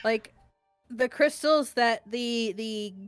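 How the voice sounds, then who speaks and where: A woman's voice: a little high, slow pace, faint music behind. A woman playing in a tabletop game, talking in character with stammers and giggles.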